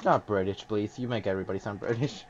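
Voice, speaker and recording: A man's voice: on the low side, fast talker, muffled recording. Laid-back man playing a game. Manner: laid-back, laughing, teasing. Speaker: game player. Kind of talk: casual gameplay commentary.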